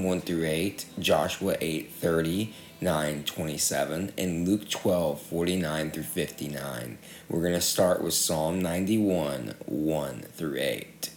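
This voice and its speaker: A man giving a measured, steady public reading of Bible passages. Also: low voice, echoey room, a little hiss or hum. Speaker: scripture reader.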